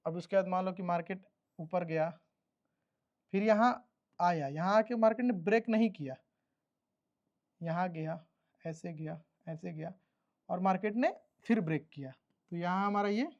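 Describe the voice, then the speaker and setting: Teaching a trading course in a recorded lesson, a man walks through a chart methodically, repeating terms and checking that his listeners follow. He has a high voice at normal speed with long pauses, captured in a muffled recording.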